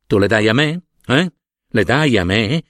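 A man's voice: mid-range voice, lively intonation, measured pace, no echo, pitched below the performer's own voice. A man voicing a sanctimonious, greedy old monsignor who fusses, preaches and wheedles. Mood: coaxing. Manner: fussy, wheedling, preachy, with soft asides. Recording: dry close studio sound.

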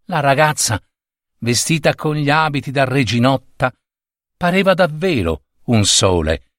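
A man narrating a fairy tale expressively, with pauses and rising emphasis. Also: medium pitch, a bit bright, no room sound, studio quality. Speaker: storyteller.

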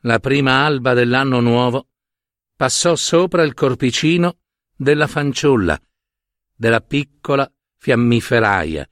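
A man's voice: medium pitch, fairly bright tone, dry recording, studio quality. A man narrating a fairy tale in a dramatic, lingering way, stretching and emphasizing words. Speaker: storyteller and podcast host. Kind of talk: expressive storybook narration.

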